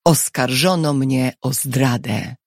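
A woman's voice: rumbling low, slow pace, no room sound, clean studio sound, exaggerated voice. A woman reading an audiobook who voices a tense, resolute husband in short, urgent lines. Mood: tense, firm.

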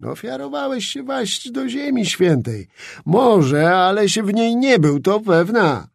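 A man reading an audiobook, voicing a stern old male standard-bearer who talks gruffly and curtly. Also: sits high, big pitch swings, unhurried, dry recording, studio quality, voice pushed up, heavily acted. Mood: scoffing.

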